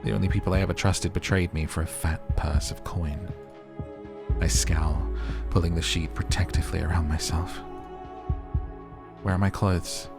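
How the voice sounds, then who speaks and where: A man with a very low voice and a creaky edge narrates a dark game story aloud. His reading is measured and theatrical, though the melody stays narrow. Music plays behind him. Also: level tone. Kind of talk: dramatic narration of a visual novel.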